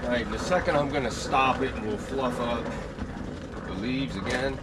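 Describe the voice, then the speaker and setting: Over very heavy background noise, a man with a mid-range voice speaks at normal speed. He's giving viewers a relaxed, folksy review of gardening gear, chatting as he demonstrates it.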